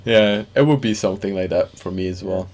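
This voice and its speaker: A man's voice: low voice, fairly quick, darkish tone. A man from Belgium co-hosting a casual podcast, playful and jokey. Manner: playful, jokey, laughs often. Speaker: podcast co-host.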